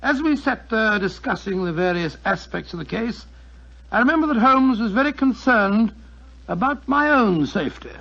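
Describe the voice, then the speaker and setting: An actor playing a loyal, puzzled British doctor in a 1940s radio drama, earnest and blustery. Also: male voice, high-pitched, animated, normal speed, vocal fry, bright, forceful tone, exaggerated voice. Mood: reminiscing. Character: loyal, puzzled older doctor, the detective's companion. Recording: muffled 1940s radio recording.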